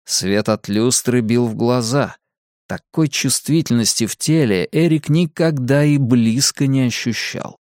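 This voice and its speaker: A man narrating a thriller audiobook in a measured, tense storytelling manner. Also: medium pitch, darkish tone, dry recording, clean studio sound.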